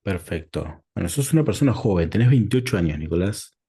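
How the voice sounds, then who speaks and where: A man with an Argentine accent hosting a sit-down interview, asking questions in a measured way and laying out topics one after another. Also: deep voice, animated, dark tone, husky. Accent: Rioplatense Spanish. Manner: measured, introduces topics in lists. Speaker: interviewer host.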